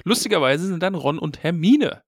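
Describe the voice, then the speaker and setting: A man's voice: on the high side, lively intonation, moderate pace, no echo, clean studio sound. A man hosting a casual book-discussion podcast, chatty and reading short passages aloud.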